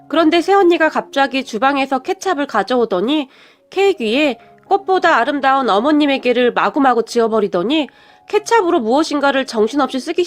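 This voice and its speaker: High-voiced young woman telling a story. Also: no room sound. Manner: calm, conversational storytelling. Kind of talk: storytelling narration. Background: soft music.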